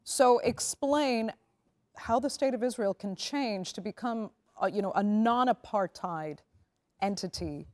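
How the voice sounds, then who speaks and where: A woman's voice: medium pitch, unhurried, a little mellow. A woman interviewing a guest, framing background and asking direct, probing questions.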